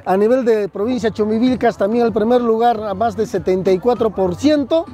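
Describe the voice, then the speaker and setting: A man's voice: high-pitched, a little fast, mellow. A man, a municipal official at an outdoor fair giving an earnest press interview, listing items and adding tag questions. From southern Peru.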